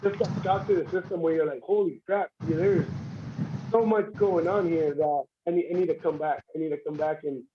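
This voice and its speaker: A man's voice: fairly high pitch, steady tone, a little fast, noisy background. A man on a livestream telling a story about how he started armwrestling, with lots of restarts and fillers. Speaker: armwrestling competitor guest. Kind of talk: casual livestream chat. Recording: dull lo-fi stream audio.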